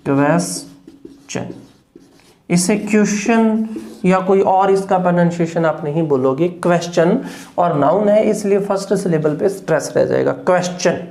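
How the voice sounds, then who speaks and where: Teacher droning thru exam prep in a boomy room, mellow tone, keeps asking "what is it?" and answering it. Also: fairly quick, creaky, hardly any pauses. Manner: repetitive, answers own rhetorical questions. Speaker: English teacher. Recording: echoey room.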